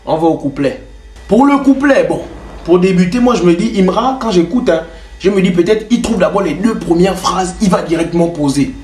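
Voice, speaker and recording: This young rapper and home producer sounds high-pitched, animated and a little mellow, speaking at a normal speed. Addressing the camera from his bedroom, he loosely walks through how he builds a rap track, leaning heavily on fillers such as "genre." The recording carries a spacious bedroom echo.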